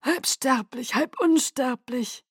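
A woman's voice: high voice, slow, breathy edge, no echo, studio quality, pitched above the performer's own voice, heavily acted. A woman reading an audiobook, voicing an ancient male vampire leader with a melodic, silky, theatrical manner. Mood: silky, delighted.

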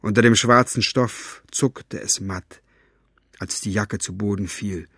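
Husky male audiobook narrator. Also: on the low side, steady tone, slow pace, a bit bright, dry recording, studio quality. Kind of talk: expressive audiobook reading.

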